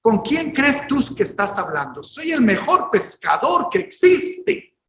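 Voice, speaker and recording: A man's voice: extremely high pitch, huge pitch swings, unhurried, a bit bright, reverberant, a little hiss or hum, pitched above the performer's own voice, heavily acted. A man acting out a proud male fisherman who indignantly asks who the other thinks he is.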